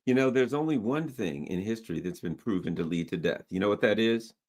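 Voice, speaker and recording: A man hosting a political talk show, talking in a lively, sarcastic way with big swings in pitch. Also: fairly quick. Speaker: show host.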